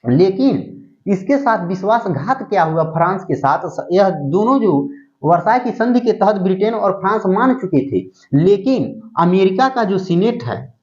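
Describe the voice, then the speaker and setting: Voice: medium pitch, big pitch swings, unhurried, a little mellow. A history teacher giving a lecture, asking rhetorical questions and answering them at once, repeating key phrases as they think aloud. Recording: dull lo-fi recording.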